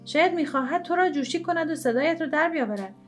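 Brief: dreamy poetic young man read by a woman, high soft voice, soft music underneath. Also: lively intonation.

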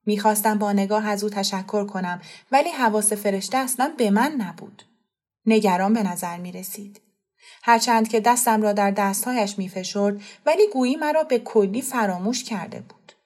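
A female audiobook narrator reads a literary novel. Her delivery is calm, steady and measured, with middle pitch and plain storytelling.

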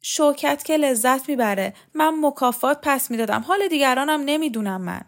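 Woman doing a curt, tense young man, a little higher. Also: expressive.

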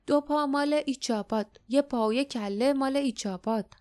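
A woman's voice: high-pitched, a little mellow, clean tone, lightly acted. A woman voicing the biggest monster of a pack, a bossy, angry brute who blusters.

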